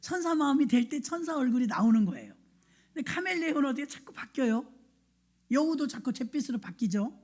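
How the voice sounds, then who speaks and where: A woman's voice: high voice, big pitch swings, a little fast, a little mellow. A middle-aged woman pastor preaching a sermon, telling stories and acting out the dialogue with frequent laughs.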